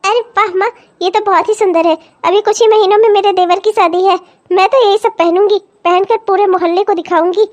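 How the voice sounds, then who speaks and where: A greedy younger daughter in a cartoon, always wheedling for more gold and gifts. Her voice is very high and sugary-demanding. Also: fairly even intonation, a little fast, darkish tone. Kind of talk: cartoon comedy voice acting.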